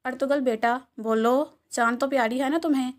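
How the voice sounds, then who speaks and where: A woman's voice: high voice, fairly even intonation, fairly quick, close to an everyday voice. A woman reading a novel aloud and voicing a cocky young man who teases and mock-threatens. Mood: mock-threatening. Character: brash cocky young man, teasing boss.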